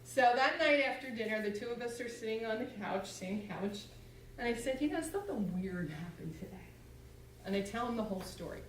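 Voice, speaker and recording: Heard from far back in a reverberant church hall, a sixties-aged woman with a fairly high, expressive voice tells her congregation a humorous story about her own life, reenacting her past words. She talks a little fast, and there's slight hiss or hum.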